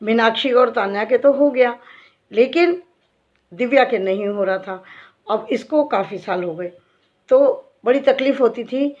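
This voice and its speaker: Middle-aged woman, kinda high voice, heartfelt devotional testimony, muffled lo-fi sound. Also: a little slow, a little mellow. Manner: earnest, heartfelt storytelling addressing devotees. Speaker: Sai devotee and bhajan singer. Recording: dull lo-fi recording.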